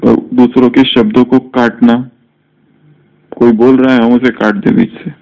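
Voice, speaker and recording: Man, spiritual discourse, very slow measured delivery, muffled lo-fi sound. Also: medium pitch, flat delivery, a little mellow. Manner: slow, measured teaching with many English words mixed in. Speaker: spiritual teacher. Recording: dull lo-fi recording.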